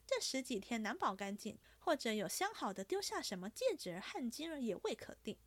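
A woman voicing a sharp-tongued, jealous young noblewoman who runs the household, speaking in a teasing, probing, commanding way. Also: on the high side, very animated, a little fast, dry recording.

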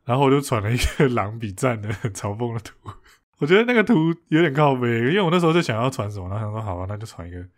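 A man's voice: mid-range voice, sing-song, very fast. A man co-hosting a podcast, casually retelling an argument with frequent laughs and restarts. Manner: laughs often, retells a fight with many restarts. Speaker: podcast co-host. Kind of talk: casual chat.

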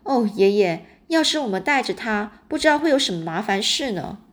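A woman's voice: mid-range voice, lively intonation, a little fast, natural voice. A woman reading aloud and voicing an eager, impatient young boy in a storybook.

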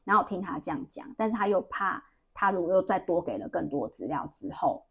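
A woman's voice: on the low side, very animated, brisk, gravelly, a bit bright, slightly rough, muffled recording. A young woman with a Taiwanese Mandarin accent, chatting casually on a podcast and telling a long story full of restarts. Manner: rambling storyteller with many restarts. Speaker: podcast co-host.

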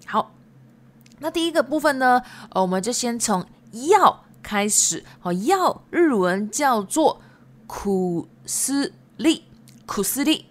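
Woman, language-lesson podcast host, slightly high pitch, patient repeater with chatty fillers. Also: very animated. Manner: patient, repeats words slowly, many fillers. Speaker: Japanese language teacher.

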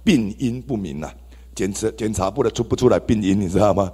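A man with a Taiwanese Mandarin accent tells his testimony to a congregation, his low, husky voice leaping up and down with exclamations. The sound rings with the long reverb of a church hall. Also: fairly quick. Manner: animated, exclamatory, addresses the congregation. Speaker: church member giving testimony. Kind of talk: testimony sermon.

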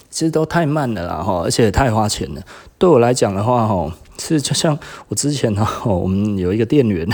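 This middle-aged shop owner hosts a podcast in a fairly low voice with a breathy edge and a Taiwanese Mandarin accent. Chatty and often laughing, he breaks into lively quotations of what others said.

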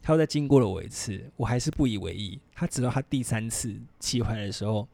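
A man's voice: medium pitch, quick pace, gravelly, no echo. A man with a Taiwanese Mandarin accent co-hosts a casual chat, spinning long stories full of side remarks. His voice sounds close and dry, with no room sound around it. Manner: lively storyteller, narrates at length with many asides. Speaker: podcast co-host.

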